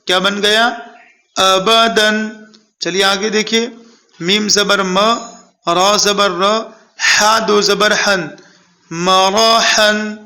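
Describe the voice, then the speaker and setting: A patient male teacher with a fairly high voice leads a Quran reading lesson. He sounds out each letter slowly and clearly and has the listener repeat after him. He gives gentle praise between drills. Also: steady tone. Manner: patient, drawing out syllables slowly, urging learners to repeat aloud; encouraging praise for learners.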